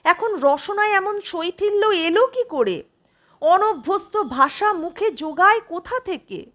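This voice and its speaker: A narrator reads a suspense story aloud as scripted audiobook narration, telling it expressively. Her voice is very high, bright, slow, and moves a great deal.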